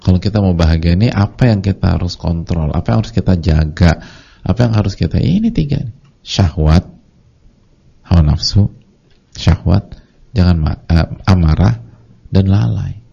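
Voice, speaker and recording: Male preacher, lively sermon, dark husky tone on a muffled recording. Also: low-pitched, normal speed, long pauses. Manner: lively, acts out congregants' voices. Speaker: Islamic preacher. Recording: dull lo-fi audio recording.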